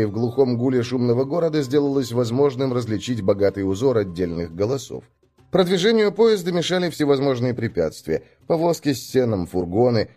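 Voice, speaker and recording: A male narrator reads a fantasy story aloud in a scripted, expressive way. His intonation rises and falls widely. Soft music plays faintly underneath. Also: medium pitch. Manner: expressive, voices the characters. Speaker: audiobook narrator.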